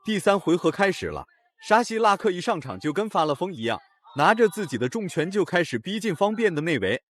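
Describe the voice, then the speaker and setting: Lively, husky male fight-recap narrator. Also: high voice, fairly quick. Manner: dramatic, opinionated storytelling. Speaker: video narrator.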